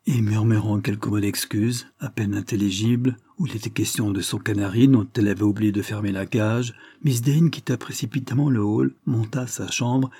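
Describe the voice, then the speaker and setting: Man, audiobook narrator, steady reading, mellow, husky, dry close mic. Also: on the low side, no room sound. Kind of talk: scripted narration.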